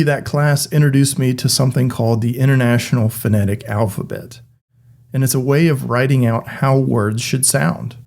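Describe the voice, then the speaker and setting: Man giving a tech lecture. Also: medium pitch. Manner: clear, even explaining with dry humor. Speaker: course instructor.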